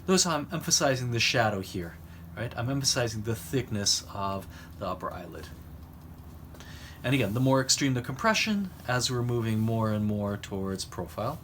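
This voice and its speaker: Male drawing instructor, mid-pitched, unhurried explanatory delivery, faint noise behind. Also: fairly bright tone. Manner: explanatory, talks while drawing, pauses mid-phrase. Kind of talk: recorded art lesson.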